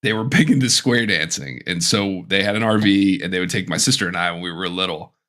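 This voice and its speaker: A man co-hosting a casual podcast, rambling with restarts as he pitches a comedy idea. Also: brisk, a bit bright. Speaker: podcast co-host. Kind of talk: casual chat.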